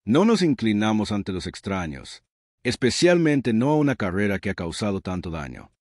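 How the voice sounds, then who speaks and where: A man's voice: lowish voice, big pitch swings, normal speed, darkish tone, no room sound, clean studio sound. A man voicing a huge scarred alien general, proud and defiant, in a sci-fi story reading.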